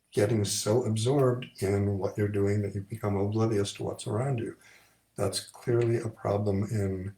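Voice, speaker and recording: A middle-aged male psychiatrist giving an explanatory lecture to camera, measured and thoughtful, with frequent ums. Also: fairly low pitch, gravelly, a little mellow.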